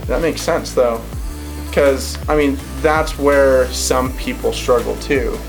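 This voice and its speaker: Young male podcast host, mid-pitched, talkative and filler-heavy, soft music behind. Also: slow pace, vocal fry. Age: 20s. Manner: chatty, many fillers like "like" and "yeah". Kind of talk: casual podcast interview.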